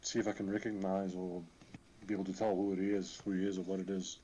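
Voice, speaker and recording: A man's voice: low-pitched, level tone, fast, warm tone, dull audio, slight background noise. A man talking casually as a player in a tabletop game.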